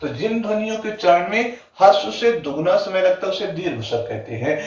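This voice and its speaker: A man teaching an exam-prep grammar lesson. He asks the class questions, answers them himself, repeats definitions slowly with drawn-out words and keeps saying "ठीक है". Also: high-pitched, expressive, a little mellow. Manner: fills gaps with "ठीक है". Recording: echoey, distant, dull lo-fi room sound.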